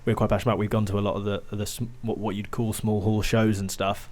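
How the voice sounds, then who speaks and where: A man's voice: on the low side, level tone, fast, a little mellow. A man co-hosting a podcast, asking and commenting in a casual, conversational way. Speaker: podcast co-host, interviewer.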